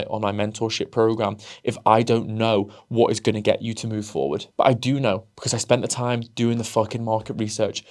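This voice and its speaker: A man talking straight to camera as a business coach, blunt and full of swearing, acting out both sides of imagined conversations. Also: lowish voice. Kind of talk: motivational monologue to camera.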